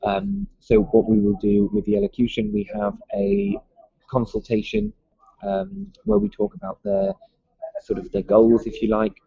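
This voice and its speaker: A Liverpool man with a mild local accent who owns a music school answers interview questions hesitantly, with many ums and restarts. His mid-range voice is very animated, creaky and breathy-edged, at a moderate pace. There's no echo, but the sound is dull and lo-fi.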